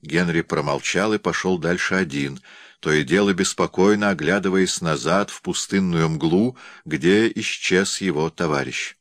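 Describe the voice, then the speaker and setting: A man narrating a classic novel as an audiobook in a measured, steady reading. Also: deep voice, dry recording, clean studio sound. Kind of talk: scripted literary narration.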